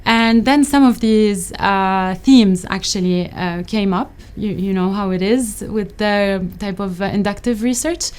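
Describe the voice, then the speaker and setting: Middle-aged woman academic from Lebanon, resonant clear tone, measured interview answers with frequent pauses and ums. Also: mid-range voice, darkish tone. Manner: thoughtful, hesitant, many fillers and restarts. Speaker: associate professor.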